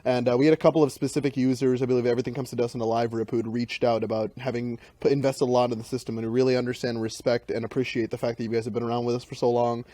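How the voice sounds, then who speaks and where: Fast-talking man with a mellow voice. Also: medium pitch, level tone, dry recording. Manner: fast, rambling, full of fillers like "like". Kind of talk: casual livestream chat.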